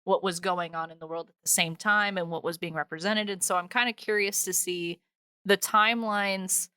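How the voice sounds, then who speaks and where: With a lowish, sharp voice and a steady tone, a female podcast co-host rambles informally at a moderate pace, interrupting herself mid-story in casual conversation. The sound is clean, studio grade, with no room sound at all.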